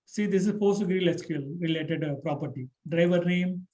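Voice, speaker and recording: Halting man teaching code. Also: high-pitched, dark tone, rough recording. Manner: halting, spells out terms letter by letter. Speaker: programming instructor. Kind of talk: live online coding class.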